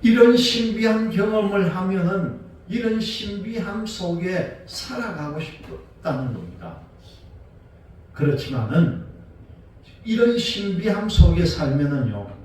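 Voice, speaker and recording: A man's voice: high-pitched, a little mellow, slight background noise. A male pastor delivering a Sunday sermon, retelling scripture and asking the congregation rhetorical questions. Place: church sanctuary. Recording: very echoey room, voice from a distance, faint ambience.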